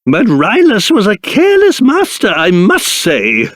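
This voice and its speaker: A man's voice: high voice, huge pitch swings, unhurried, fairly bright tone, dry recording, studio quality, heavily acted. An actor playing a fussy, self-important, fatherly old king in a video game, with a British accent and pompous, old-fashioned formal speech. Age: older. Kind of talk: video game character voice acting.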